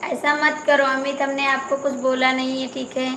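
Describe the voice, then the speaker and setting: High-voiced woman chatting on a livestream. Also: level tone, moderate pace, a bit bright, reverberant, a little hiss or hum, low-quality recording. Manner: pleading, teasing, repeats herself. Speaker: live-stream host. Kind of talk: casual live-stream chat reading comments.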